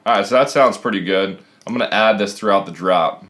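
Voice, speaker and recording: A man's voice: on the low side, a little fast. A man in his thirties talking casually and explaining step by step as a music production tutor, recorded in a small home room.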